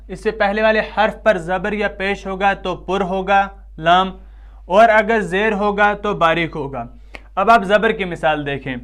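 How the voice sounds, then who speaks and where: High, smooth-voiced male tajweed teacher. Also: fairly bright tone. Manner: slow, drawn-out chanted recitation of examples; patient teacher who asks questions and answers them himself. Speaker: Quran recitation teacher. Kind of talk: tajweed lesson, explaining rules.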